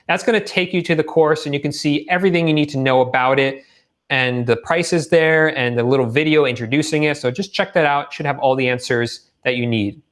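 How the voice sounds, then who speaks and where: A man's voice: on the high side, brisk, fairly bright tone. A young man hosting a live question-and-answer stream, reading viewer questions and answering them casually while losing his voice. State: losing his voice in a hot room. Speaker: host of live Q&A on online selling.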